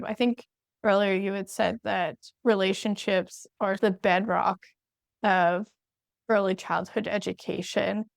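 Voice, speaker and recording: Smooth-voiced woman podcast host. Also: medium pitch, no room sound, clean studio sound. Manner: appreciative, measured, reflective. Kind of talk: podcast interview hosting.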